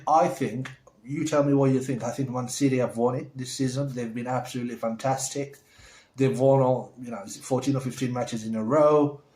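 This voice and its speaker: A man of middle pitch, born in Somalia, chatting straight to camera in a loose, rambling way full of fillers and restarts. He sounds keen and upbeat when he heaps praise on someone. His voice rings around a roomy, echoey space. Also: a little mellow. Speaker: vlogger. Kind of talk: casual chat to camera. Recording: roomy echo.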